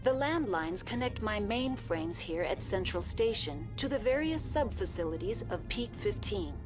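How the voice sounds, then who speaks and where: Music plays behind a woman voicing a polite, unfeeling female computer intelligence overseeing a research station in a video game. She reads scripted, formal procedural announcements calmly and impassively, with a natural, expressive mid-range voice at a moderate pace.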